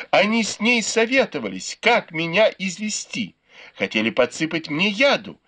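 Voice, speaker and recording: A man's voice: on the high side, a bit bright, husky, pitched above the performer's own voice, heavily acted. A man voicing a desperate, tearful noblewoman who pleads and complains in an audiobook. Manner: pleading, wailing.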